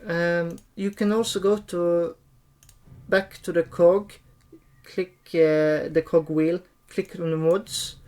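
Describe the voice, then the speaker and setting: Game tutorial host, slow pace, hesitant, repeats phrases, unscripted, keyboard and mouse clicks behind. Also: mid-range voice, fairly even intonation, a little mellow.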